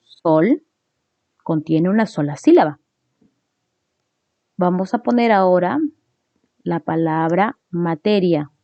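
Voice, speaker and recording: A woman's voice: lowish voice, takes it slowly, long pauses, no echo. A woman teacher explaining a grammar lesson step by step, often checking in with tag questions. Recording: dull lo-fi recording.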